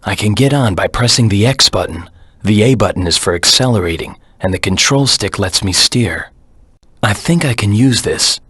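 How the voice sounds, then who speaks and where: Cool brooding hedgehog antihero, raspy, lowish pitch, terse deadpan delivery, video game tutorial lines. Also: male voice, moderate pace, dry recording, clean studio sound. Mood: cool, matter-of-fact. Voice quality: low, husky rasp. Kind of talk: scripted game tutorial voice acting.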